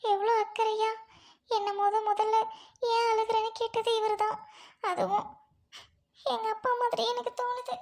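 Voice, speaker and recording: A woman's voice: very high-pitched, flat delivery, normal speed, long pauses, darkish tone. A woman voicing a lonely orphaned young woman who talks through tears, pleading and sobbing. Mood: tearful. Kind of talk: amateur dialogue drama.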